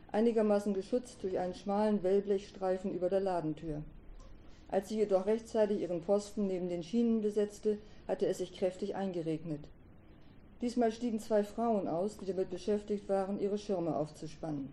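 A woman's voice: medium pitch, dark tone, slight background noise. A woman narrating a children's story as an audiobook reader, giving the characters slight voice shifts. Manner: reads dialogue with light voice shifts for characters. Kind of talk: scripted narration.

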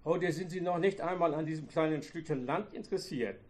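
A man's voice: a little high, brisk, voice pushed up, lightly acted. A man reading as a bitter old farmer. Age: older. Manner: loud, reproachful, sarcastic.

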